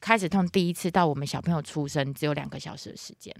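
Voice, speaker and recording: A woman in her thirties chatting casually on a podcast, telling a lively story and acting out the lines of other people. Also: low voice, fast talker, creaky, dry recording, studio quality. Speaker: guest mother.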